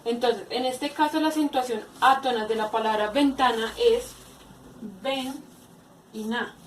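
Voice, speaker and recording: A woman giving a spoken grammar lesson, explaining slowly with many hesitations and repeated words. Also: a little high, slight background noise. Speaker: teacher. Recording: echoey room, far from mic.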